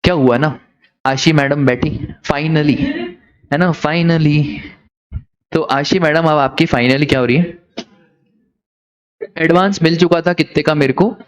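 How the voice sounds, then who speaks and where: A man teaching a class, lively and teasing, telling joking stories and acting out the characters. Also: a little high, slow pace, pauses often, smooth.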